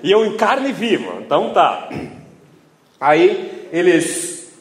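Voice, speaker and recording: Animated Brazilian preacher in an echoey hall. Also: male voice, high-pitched, takes it slowly. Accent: Brazilian Portuguese. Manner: animated storytelling, acting out scenes, laughing often. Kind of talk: testimony sermon. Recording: echoey hall, faint ambience.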